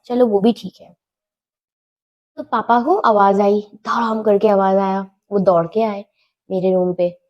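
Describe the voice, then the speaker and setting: A woman telling a personal story in a casual storytime style, animated and repeating words for emphasis. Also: mid-range voice, dull audio.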